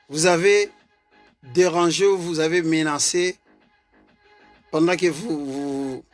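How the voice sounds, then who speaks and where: A party vice-president from Congo (DRC) offers earnest political commentary in Congolese-French-accented speech, his voice a little high. He hesitates and repeats words as he goes.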